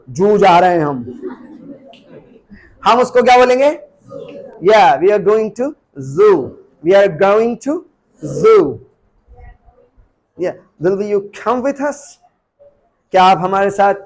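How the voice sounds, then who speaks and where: A man teaching English pronunciation in a classroom, speaking with an Indian English accent and repeating each sound many times for his students. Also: high-pitched.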